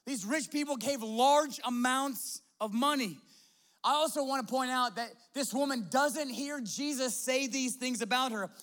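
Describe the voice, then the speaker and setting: A Midwestern American pastor with a strikingly high voice delivers a sermon to his church. He preaches with passion, often stumbling over restarts and pressing his listeners with rhetorical questions. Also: unhurried, fairly bright tone.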